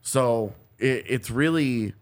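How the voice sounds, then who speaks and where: A man's voice: medium pitch, slow pace. A man talking as a sports podcast analyst, reasoning casually and repeating phrases for emphasis as he builds a point.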